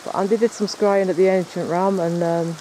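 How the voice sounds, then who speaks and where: A man with a high, mellow voice talks briskly with fairly even intonation while filming a nighttime investigation in rainy woods beside a stream. As a paranormal investigator, he rambles and explains in casual on-location chat, and the poor recording has a bit of hiss or hum.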